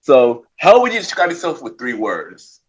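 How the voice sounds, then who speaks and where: A podcast host with a husky, mid-range voice and big pitch swings interviews a guest at normal speed in a laid-back way. He often repeats his phrases, and the sound is lo-fi.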